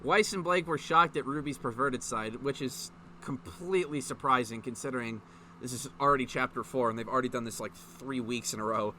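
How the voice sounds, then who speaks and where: An online video host reads fan fiction aloud in a mocking, informal style, stopping now and then for sweary, disbelieving remarks. His medium-pitched voice is sharp and fairly quick, with slight background noise.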